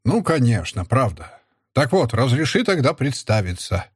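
Man voicing a jovial soldier uncle, hearty, teasing, husky, lively pitch. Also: normal speed, no room sound, studio quality.

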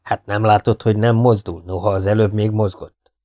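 A fat, rude scorpion charmer who scolds and brags in an unhurried, low voice, as a male audiobook reader puts him on. He sounds sly and self-satisfied. The recording is close and dry. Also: flat delivery, warm tone, no room sound, lightly acted. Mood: smug. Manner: blunt, scolding, slow and cocky. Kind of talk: audiobook character voice.

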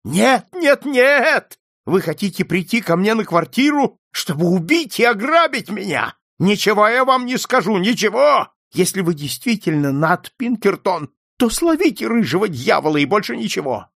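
A man's voice: animated, normal speed, vocal fry, fairly bright tone, no echo, studio quality, exaggerated voice. A man voicing a frail, paranoid old man who is terrified and suspicious of everyone, in an audiobook reading. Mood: frantic. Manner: shrill, pleading, frantic.

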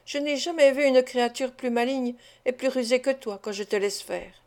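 Woman doing a cocky greedy young guy bragging, brash, kinda high voice. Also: normal speed, a little mellow. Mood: swaggering. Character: boastful greedy young man, swaggering.

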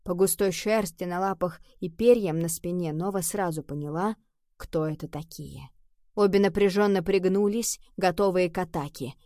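A woman narrating an audiobook in a steady, even storytelling manner. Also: fairly low pitch, normal speed, no room sound, clean studio sound.

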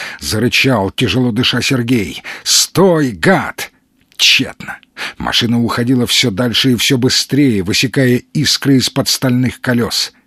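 Male audiobook narrator; husky, steady dramatic reading, dry close mic. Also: medium pitch, dry recording. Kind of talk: scripted narration.

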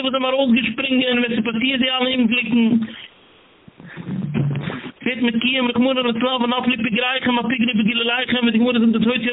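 High, flat-voiced rabbi on a phone line. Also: male voice. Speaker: rabbi lecturer. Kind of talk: Yiddish-laced sermon lecture. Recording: tinny phone-line audio with hiss.

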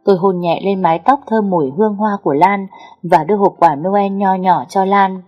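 A woman narrating a first-person story, reading slowly with a melancholy tone. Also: mid-range voice, steady tone, lo-fi sound, soft background music.

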